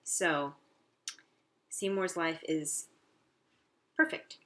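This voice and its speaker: Speaking extremely slowly in a low, fairly bright voice, an elementary school teacher reads aloud to young pupils. She encourages and instructs them with simple wording and lots of questions. The recording is noisy and clicky.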